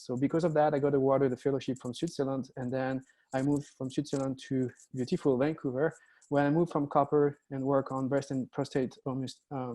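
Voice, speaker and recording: A man with a French accent gives an online lecture at a middle pitch. He talks hesitantly and fills his sentences with "uh". He sounds middle-aged, speaking through a computer mic on a video call. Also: mellow. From France. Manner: hesitant, many "uh" fillers. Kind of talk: webinar lecture.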